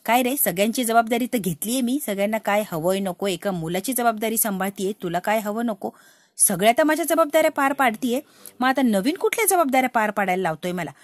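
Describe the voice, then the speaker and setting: A woman's voice: a little high, expressive, quick pace, dry recording. A woman voicing a sweet, childlike young wife, pleading and puzzled.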